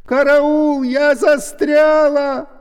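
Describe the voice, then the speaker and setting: A man voicing a panicky woman trapped in a lift, shrill, loud and frantic. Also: expressive, a little slow, big-room sound.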